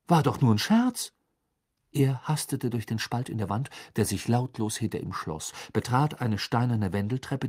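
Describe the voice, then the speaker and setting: Slightly husky male audiobook narrator. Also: on the low side, dry recording, clean studio sound. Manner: expressive storytelling, voices the figures. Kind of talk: scripted narration.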